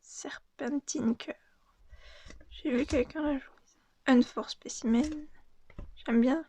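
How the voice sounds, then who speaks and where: A young woman casually opening and commenting on trading cards, reading them out in a soft, murmured voice that often drops to a half-whisper. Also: sits high, fairly even intonation, slow. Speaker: card unboxing vlogger.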